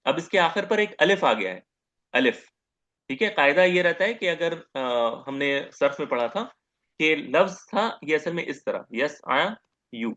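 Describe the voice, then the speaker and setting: Higher-voiced man teaching a grammar lesson. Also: expressive, measured pace, fairly bright tone, lo-fi sound. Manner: asks questions and answers them himself, repeats terms, says "okay" often. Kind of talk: grammar lecture.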